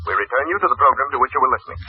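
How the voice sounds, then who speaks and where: Guy acting 1940s newsreel type radio announcer, really fast clipped formal bulletin, muffled old recording. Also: mid-range voice, distant mic, slight background noise, natural voice. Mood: urgent, grave. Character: urgent 1940s radio newsman reading a flash bulletin.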